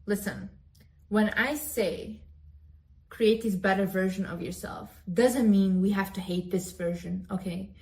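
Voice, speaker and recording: With an unhurried, mid-range voice touched by vocal fry, a young motivational vlogger speaks directly to camera. Her pep talk is emphatic, with phrases repeated for effect, and she speaks of herself in the third person.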